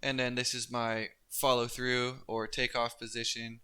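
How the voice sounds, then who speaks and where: A man giving instructional narration as a coach, explaining each step in a careful, unhurried way. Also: mid-range voice, level tone, pushed and bright, smooth. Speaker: pole vault coach and instructor. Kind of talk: instructional narration of technique and demonstrations.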